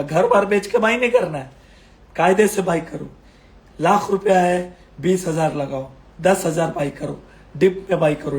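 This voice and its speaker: His voice sits high and a little mellow as this man, unwell and coughing with a strained throat, gives casual stock market commentary on video. He keeps repeating phrases emphatically to reassure viewers.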